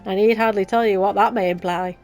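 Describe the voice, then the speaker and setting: A woman's voice: medium pitch, steady tone, a little fast, a little mellow, soft background music, close to an everyday voice. A woman voicing an earnest, wordy noblewoman leader, reading formal fantasy game dialogue. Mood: grave. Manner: formal, long-winded. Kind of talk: video game dialogue read aloud.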